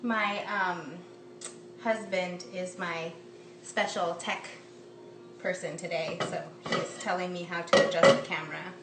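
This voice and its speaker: Her voice is on the low side, unhurried and fairly even in intonation, with background noise present. She's a cooking instructor from the United States in her thirties, cheerfully running a live kitchen demo at home with many ums, recorded on a nearby propped phone that sounds roomy and slightly distant.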